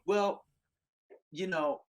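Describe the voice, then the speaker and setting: A man with a fairly high voice talks casually as a podcast guest. He rambles and piles on fillers, coming back again and again to emphatic points. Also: extremely slow. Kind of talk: casual conversation.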